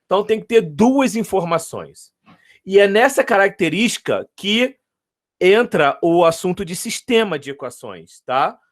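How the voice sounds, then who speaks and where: A man's voice: sits high, lively intonation, measured pace. A man with a Brazilian accent, teaching a math lesson, patiently repeating his points and checking in with the students. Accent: Brazilian Portuguese.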